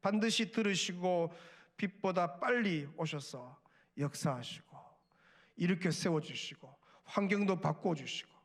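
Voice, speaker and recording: Man, pastor, sermon, high voice, earnest, hushed then exhorting. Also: a little slow. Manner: earnest preaching, swings from hushed murmurs to raised exhortation. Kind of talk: sermon at a Friday prayer meeting.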